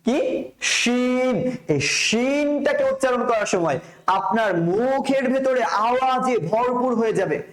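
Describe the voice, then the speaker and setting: A young man with a Bangladeshi Bengali accent teaches letter sounds, drawing each one out slowly and repeating it many times. His pitch sits in the middle range, and he keeps asking whether his students are following. The recording carries a noticeable room echo. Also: animated. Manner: patient, repeats sounds slowly and asks checking questions. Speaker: Quran recitation instructor. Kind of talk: online pronunciation lesson.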